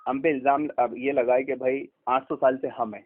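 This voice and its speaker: A man's voice: medium pitch, level tone. A man with an Indian Urdu accent in a heated religious debate, lecturing and accusing his opponent. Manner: accusing, lecturing, cites scholars. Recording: tinny phone line.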